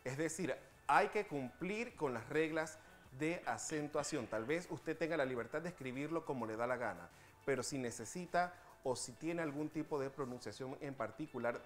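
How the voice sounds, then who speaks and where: A man hosting a TV language segment, patiently explaining spelling rules and slowing down to spell out examples. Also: mid-range voice.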